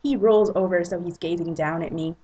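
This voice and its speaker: Female narrator, breathy and husky, dramatic reading of romance fiction. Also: lowish voice, brisk, mellow, muffled recording. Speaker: reader and narrator.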